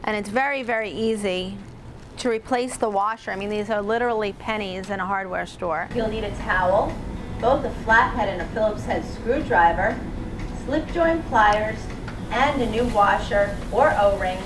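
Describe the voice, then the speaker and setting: A woman's voice: mid-range voice, moderate pace, background noise. A woman in her forties giving a casual home repair demonstration to a small audience in a store, speaking into a lapel mic. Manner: chatty, casual, talks directly to the audience. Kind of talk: live workshop demonstration.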